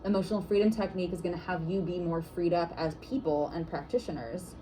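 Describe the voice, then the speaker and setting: A woman's voice: lowish voice, fairly even intonation, fairly quick, warm tone, a little hiss or hum, rough recording. A woman instructor teaching a workshop class for massage therapists, guiding and chatty with lots of "like" fillers.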